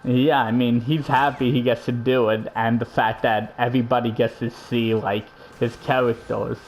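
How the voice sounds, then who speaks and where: Male co-host, filler-heavy rambler with casual swearing, mid pitch. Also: flat delivery, moderate pace, a little hiss or hum, low-quality recording. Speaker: podcast co-host. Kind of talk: casual chat.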